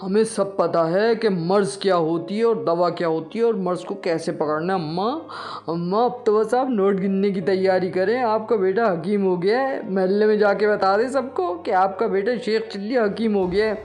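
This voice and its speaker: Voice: medium pitch, darkish tone, soft background music, lightly acted. A performer voicing a naive young man who brags that he has become a healer, in a comic audio story. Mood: boastful. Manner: bragging, self-important.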